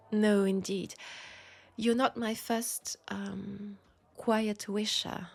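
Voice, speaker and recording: In an intimate audio roleplay, a French-accented woman voices an ancient, lonely, seductive vampire, soft-spoken and deliberate, tender yet grave, frequently drifting toward a whisper. Her medium-pitched voice stays level with vocal fry in a full character performance. The mood is solemn.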